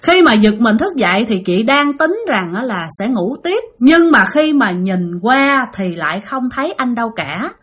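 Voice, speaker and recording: A woman with a Southern Vietnamese accent narrates a ghost story, chatty and talking right to her audience. Her voice sits high and swings widely up and down as she tells it. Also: very animated, normal speed, few pauses, fairly bright tone, husky. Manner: chatty, addresses listeners directly.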